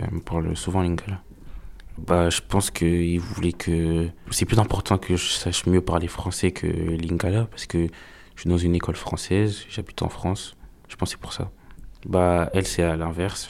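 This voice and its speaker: A man's voice: low-pitched, creaky, darkish tone. A man of Congolese family speaking casually and plainly about the language spoken at home. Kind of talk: personal testimony.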